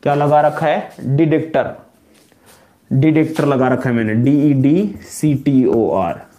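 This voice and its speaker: Rajasthani-accented male lecturer, higher voice, drilling terms by repetition, classroom at the board. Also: fairly even intonation, normal speed, warm tone. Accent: Rajasthani-tinged Hindi. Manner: repetitive call-and-response questioning, calls students "beta". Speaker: college chemistry lecturer.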